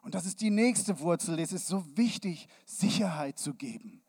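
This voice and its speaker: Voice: medium pitch, lively intonation, moderate pace, a little mellow, slightly rough, no echo, clean studio sound. An adult giving a children's sermon with a hands-on demonstration, speaking to the children directly, asking them questions and sometimes dropping to a whisper.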